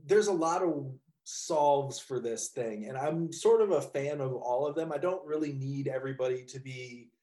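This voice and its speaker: A man's voice: medium pitch, normal speed, hardly any pauses, warm tone. A man co-hosting a casual chat about a movie, rambling and laughing often, swearing casually. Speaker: podcast co-host. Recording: echoey room.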